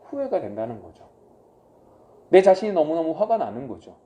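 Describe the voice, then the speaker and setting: Middle-aged male pastor, sermon, mellow tone, voice rising and falling widely, asks and answers his own questions. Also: big pitch swings, normal speed, muffled recording. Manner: swings from loud acted inner voices to soft low asides; asks the congregation questions and answers them himself.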